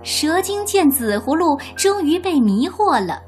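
A woman narrating a children's story in an expressive, deliberate way. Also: high-pitched, faint music behind.

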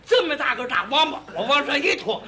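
A man's voice: very high voice, big pitch swings, fairly quick, sharp tone. A man performing stage crosstalk, telling a comic story as a clueless country bumpkin. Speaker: lead comedian in a crosstalk duo.

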